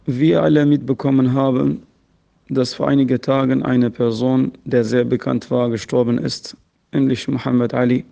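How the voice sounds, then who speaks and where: Man preacher, recorded voice message, gravelly, mellow, urgent and earnest. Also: medium pitch, flat delivery, normal speed. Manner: earnest, urgent exhortation to the faithful. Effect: leaving a recorded voice message. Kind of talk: spoken voice message sermon.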